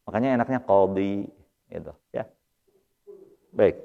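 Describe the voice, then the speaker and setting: A man's voice: on the low side, measured pace, vocal fry. A man with a Sundanese accent teaching an Arabic grammar lesson at a mosque study circle, explaining patiently and repeating Arabic words with stress. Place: mosque hall. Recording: dull lo-fi recording with hall reverb.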